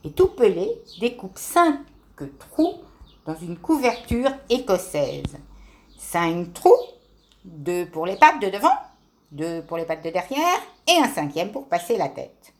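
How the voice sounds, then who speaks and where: A woman reading a children's story aloud in a gentle, expressive way. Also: fairly low pitch, slow pace.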